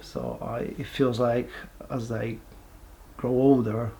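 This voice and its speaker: A man, giving a halting, reflective personal testimony with many pauses and restarts. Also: medium pitch, flat delivery, dark tone, slight background noise. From Bulgaria. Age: 40s. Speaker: person sharing his life story.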